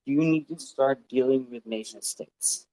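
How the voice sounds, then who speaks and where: A man speaking slowly and with heavy emphasis, profane and rambling as he urges listeners on. The sound is dry, with no room echo. He is a guest on a live online audio panel. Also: mid-range voice, mellow.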